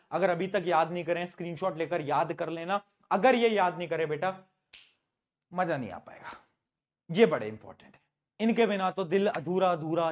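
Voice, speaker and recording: A male teacher giving a lively exam-prep lesson, playfully asking his students questions and answering them himself. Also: fairly high pitch, lo-fi sound. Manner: calls students "beta", mixes English terms into Hindi.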